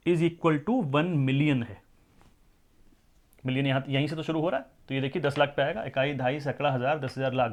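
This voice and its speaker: A male maths teacher giving a lecture, who explains step by step, mixes in English number words and keeps asking the class whether they follow. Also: a little high. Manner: explains step by step, often asks the class questions.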